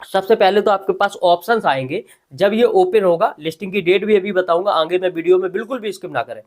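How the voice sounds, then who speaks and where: High-voiced man explaining a tutorial. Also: a little fast. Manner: conversational, repeats filler "ठीक है". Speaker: crypto news host. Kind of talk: screen-recorded tutorial voice-over.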